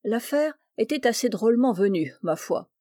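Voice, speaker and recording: Mellow woman reading a classic story. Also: on the high side, lively intonation, no room sound, clean studio sound. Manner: measured, clear storytelling. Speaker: narrator.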